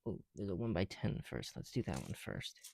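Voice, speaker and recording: A young man making an ASMR video at home chats casually while building bricks, speaking in a soft, breathy way that often drops to a whisper; he's somewhat breathless through a heavy mask and rambles in a self-deprecating manner. His voice is low-pitched with lively intonation and a slightly fast pace, with a little hiss or hum in the audio.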